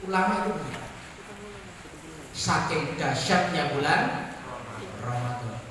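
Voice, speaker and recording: A preacher with a Javanese accent gives a lively sermon, joking and asking the audience for shows of hands. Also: mid-range voice, unhurried. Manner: animated, jokes and asks the crowd for shows of hands. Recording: echoey hall, voice from far off.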